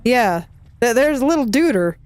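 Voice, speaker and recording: A woman's voice: a little high, expressive, a little mellow, no room sound. A woman giving casual, chatty commentary as she plays a video game, talking to herself as she goes. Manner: chatty, self-talking, quick laughs. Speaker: let's play gamer.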